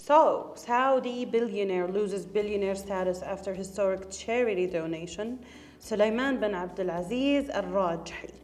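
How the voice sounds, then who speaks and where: A woman's voice: mid-range voice, moderate pace, darkish tone. A woman co-hosting a casual news chat show, asking lots of curious questions in an easygoing way. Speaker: co-host.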